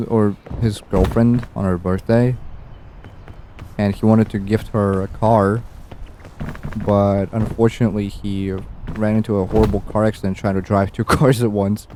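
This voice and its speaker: A man's voice: on the low side, mellow, slight background noise. A young man streaming a game, rambling and musing aloud with easy chuckles as he plays. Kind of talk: casual gameplay commentary.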